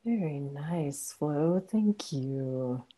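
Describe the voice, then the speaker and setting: A woman facilitating a healing session over a video call, speaking softly and encouragingly. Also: deep voice, lively intonation, very slow, poor audio. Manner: soft, soothing and encouraging. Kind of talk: gentle guided closing talk.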